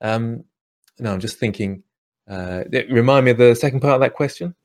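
A man answering questions about his drawing course, talking in a hesitant way with many pauses and restarts. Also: mid-range voice, darkish tone. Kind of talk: live online Q&A.

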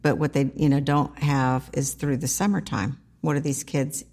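A middle-aged woman from South Carolina speaking as an interview guest in a casual, halting, anecdotal way. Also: low voice, flat delivery, a little mellow, slightly rough. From small town in South Carolina, United States. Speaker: interview guest, food pantry organizer. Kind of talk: casual conversational storytelling.

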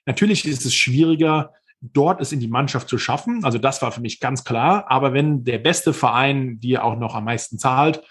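A former professional football player in his thirties tells his career story as an interview guest, speaking at medium pitch and normal speed with a breathy edge. His sentences run long and rambling, with frequent hesitations.

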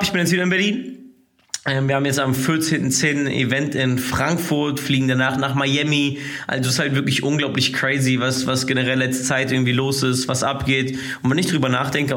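A young man hosts his own podcast in a casual solo monologue, his medium-pitched voice a bit bright. He talks loosely in slang, full of fillers and restarts, and still coughs a little after a cold.

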